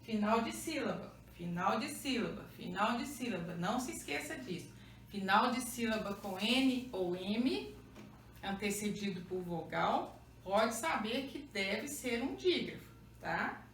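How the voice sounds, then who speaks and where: A woman's voice: mid-range voice, lively intonation, a little slow, a bit bright. A Brazilian woman teaching a Portuguese grammar lesson. She checks often that the class follows and counts letters out one by one. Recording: roomy echo, mic far off, faint hum.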